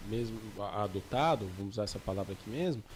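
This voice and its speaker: A man's voice: fairly low pitch, fast talker, a little hiss or hum. Chatty Brazilian male podcast host. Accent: Brazilian Portuguese. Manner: relaxed, chatty, jokes with the guest. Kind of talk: casual interview talk.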